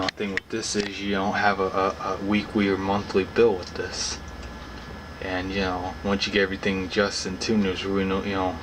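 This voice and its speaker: A young adult man with a low voice, a hobbyist vlogger, gives a casual explanatory talk to camera. The recording has clearly noisy background ambience.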